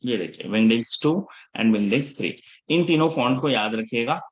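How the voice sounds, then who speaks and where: A man teaching a live class in a relaxed mix of Hindi and English, checking in with his students after almost every point. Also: medium pitch, brisk. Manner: casual Hinglish teaching, checks in often with the class; scolds students about attendance. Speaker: instructor.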